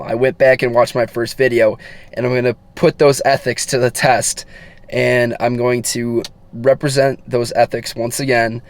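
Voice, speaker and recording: A teenage boy turning eighteen, talking casually and earnestly to his viewers, rambling with many fillers and restarts. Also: mid-range voice. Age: teens. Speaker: fitness vlogger. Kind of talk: casual talk to camera.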